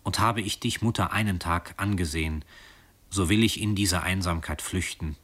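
A man reading a story aloud, voicing a lovesick young nobleman in a hushed, earnest, yearning way. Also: low voice, moderate pace.

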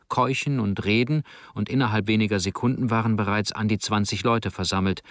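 Low-ish guy reading a story, calm, dry close sound. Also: no room sound. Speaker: narrator. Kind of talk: audiobook narration.

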